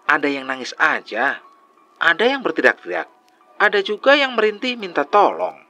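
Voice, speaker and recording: A man's voice: fairly high pitch, very animated, normal speed, sharp tone, soft background music, voice pushed up, full character voice. A man voicing a young male worker at a tourist site, chatty and easily frightened, in a storytelling dialogue. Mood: scared.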